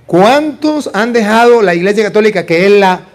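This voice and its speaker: A man with a high voice preaches at an ordinary pace, lively and humorous. He challenges the audience with rhetorical questions, draws call-and-response, and plays out short, playful dialogues that land as jokes.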